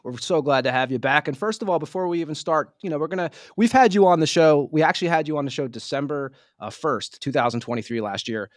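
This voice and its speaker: A man's voice: a little high, fast talker, few pauses, no echo, studio quality. A man hosting a podcast in a casual, informal interview style, addressing the guest like a buddy. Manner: informal, says "man" often. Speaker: podcast host.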